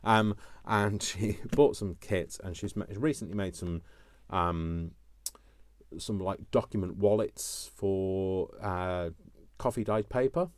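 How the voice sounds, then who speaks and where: In a casual, talkative craft tutorial, a man rambles and throws in jokey, self-deprecating asides. His voice is low and slow, with no echo, though the recording has noticeable background noise and small clicks.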